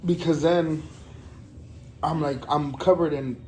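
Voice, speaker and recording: A young man telling a story in a casual vlog, animated and profane, full of fillers. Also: fairly high pitch, slow, a little hiss or hum, low-quality recording. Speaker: vlogger.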